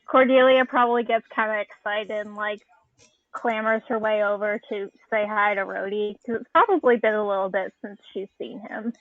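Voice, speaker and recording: A woman's voice: mid-range voice, fairly even intonation, moderate pace, dry recording. Female player, laid-back hedging talk, tinny dry call audio. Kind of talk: casual in-character planning.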